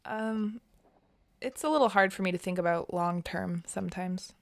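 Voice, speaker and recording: In an audio drama, a woman plays a guarded young trainee full of self-doubt, giving hesitant, downbeat, clipped answers in naturalistic dialogue. She sounds uncertain and searching. Her voice is fairly low with vocal fry at a normal speed, and there is no room sound.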